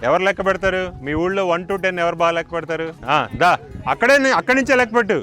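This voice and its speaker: A man hosting a village game show outdoors, loudly counting to ten and joking with the villagers. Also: high voice, animated, racing.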